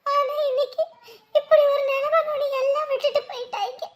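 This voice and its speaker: Crying and full of wailing grief, a bitter widow is voiced by an actress in a piece of family drama acting, her words broken by sobs. The voice sits very high, the delivery is flat, and the pace is fairly quick.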